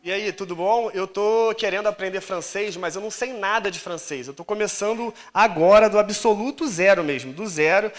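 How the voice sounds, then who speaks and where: Talking at normal speed with barely a pause, a high-pitched man with a Brazilian Portuguese accent lectures on stage before a live audience. His conference talk is casual and joking, and he leans heavily on slang.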